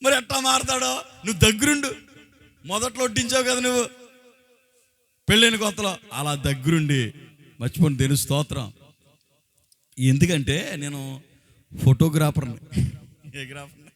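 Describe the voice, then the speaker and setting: A pastor from Andhra Pradesh preaches a sermon in a fairly high voice. He talks colloquially, throwing rhetorical questions at the congregation and exhorting them. His voice now and then swells when he drives a point home. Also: moderate pace, long pauses, fairly bright tone. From Andhra Pradesh, India. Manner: exhorting, often breaking into short acted quotes and raising his voice.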